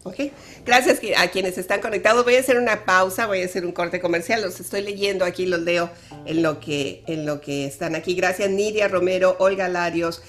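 A middle-aged woman with a Mexican accent hosting a live radio talk show, telling family stories in an animated way. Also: lowish voice, normal speed. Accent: Mexican Spanish. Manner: animated storytelling, acts out dialogue, laughs often.

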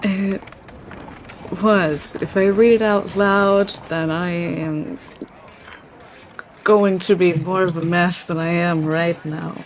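A woman playing a tabletop role-playing game, describing her character's actions step by step in a measured way. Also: lowish voice, fairly even intonation, slight background noise.

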